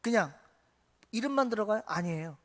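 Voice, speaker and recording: A man preaching a Sunday sermon in church. He keeps asking the congregation questions and swings between loud emphasis and hushed asides. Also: high voice, a little fast. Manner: lively, asks the congregation questions. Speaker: pastor. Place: church sanctuary.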